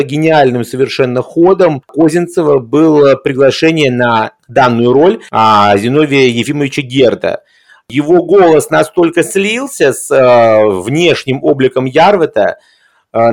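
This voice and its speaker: A man's voice: medium pitch, gravelly, a little mellow. A man discussing film in a reflective conversational way, hesitant, with erudite and formal wording.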